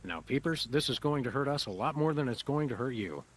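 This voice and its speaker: Man playing deadpan detective hero, lively intonation. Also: mid-range voice, a little fast, slight background noise, close to an everyday voice. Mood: wry. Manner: deadpan, dry, wordy. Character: wry, unflappable adult male detective hero. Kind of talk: video game voice acting.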